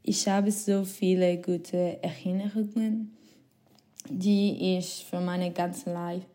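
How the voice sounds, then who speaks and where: A young Swiss woman, a former exchange student appearing as a guest, answers interview questions in hesitant learner's German with many pauses and small laughs. Her voice is on the low side, level in tone and mellow.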